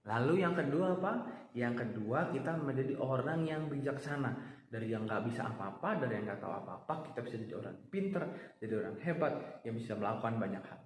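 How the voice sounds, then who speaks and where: A man giving a children's sermon, speaking in an animated, storytelling way and acting out voices for the kids. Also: medium pitch, fairly quick. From Indonesia. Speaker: children's church teacher. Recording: echoey hall, faint background noise.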